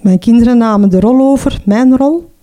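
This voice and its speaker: A middle-aged Flemish woman telling her own story as a mother, emotional and halting, often restarting and adding "hè". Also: on the high side, warm tone. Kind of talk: personal testimony.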